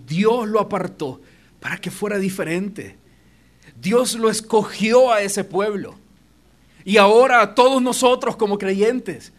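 A male pastor preaching a sermon in a church auditorium, emphatic and speaking straight to the congregation. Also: high voice. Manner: emphatic, addresses congregation directly.

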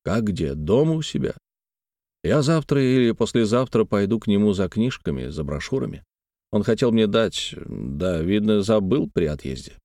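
Male reader as a bashful young man: low, quiet, hesitant lines in a dry close read. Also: sing-song, moderate pace, dry recording. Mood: subdued. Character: young man, shy, embarrassed and subdued.

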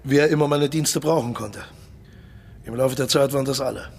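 In a German radio play, a male actor voices a suave, cynical mercenary colonel who is also a seasoned spy, polite yet insistent, condescending, and menacing. His voice is medium-pitched and creaky with a breathy edge, at a moderate pace.

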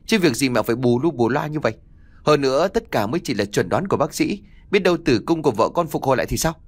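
A calm, soothing young husband, as the male narrator voices him in an audio storybook. He reassures gently. The sound is dry and close. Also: medium pitch, quick pace, dry recording, lightly acted. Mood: urgent.

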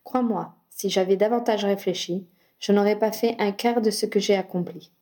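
A woman reading a young man, an earnest and patient war hero, in a gentle, reassuring way for an audiobook. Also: medium pitch, steady tone, moderate pace, close to an everyday voice.

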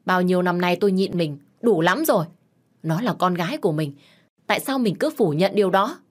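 A woman voicing a long-suffering mother who pleads gently with her husband and scolds sharply. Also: lowish voice, normal speed, lightly acted. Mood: angry. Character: long-suffering mother, patient then defiant.

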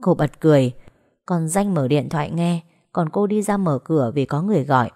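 A woman reading a romance story aloud as narrator, even and measured. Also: sits low.

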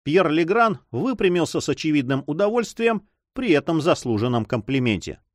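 A man reading an adventure novel aloud as a narrator, in a measured, expressive storytelling manner. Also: on the high side, no room sound, clean studio sound. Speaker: audiobook narrator.

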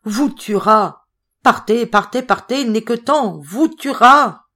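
A woman's voice: a little high, slow, sharp tone, voice pushed up, heavily acted. A woman voicing a delirious, wounded young woman who pleads frantically, in an audiobook reading. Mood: frantic.

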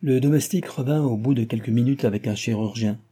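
A man narrating a classic novel as an audiobook in a measured, even reading. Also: mid-range voice, slightly rough. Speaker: audiobook reader.

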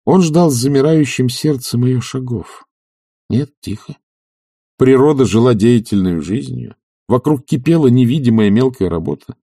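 Male narrator, audiobook, expressive, lively pitch, husky mellow voice, dry close sound. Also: normal speed, no echo. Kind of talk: scripted narration of a classic novel.

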